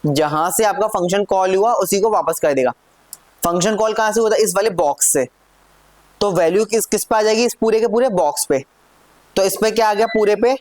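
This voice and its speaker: A man teaching a live programming lesson, talking through code step by step and often asking his students whether it is clear. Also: high-pitched, a little mellow, dry recording. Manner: checks in often with questions to students. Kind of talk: live classroom coding lesson.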